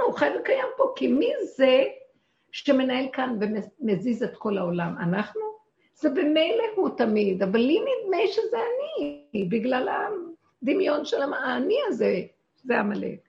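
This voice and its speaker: A woman's voice: high voice, vocal fry, dull audio. Passionate woman teaching in an echoey room. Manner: passionate, shouts quoted lines, laughs, rhetorical questions. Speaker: spiritual teacher. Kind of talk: religious talk to a group.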